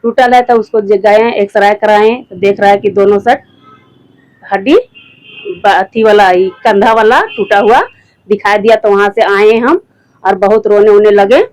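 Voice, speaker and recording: A woman's voice: medium pitch, steady tone, unhurried, a little mellow, poor audio. A middle-aged woman from Jharkhand with a rural Jharkhand accent, a mother and former village head telling a reporter her account in plain speech, often repeating herself and quoting others. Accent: Jharkhand rural Hindi. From Jharkhand, India.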